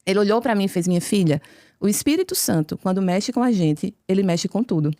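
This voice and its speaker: A woman with a Brazilian Portuguese accent, a podcast guest telling her conversion story as a lively storyteller who acts out each exchange of dialogue. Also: medium pitch, fairly quick, no room sound, clean studio sound. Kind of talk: conversion testimony told as a story.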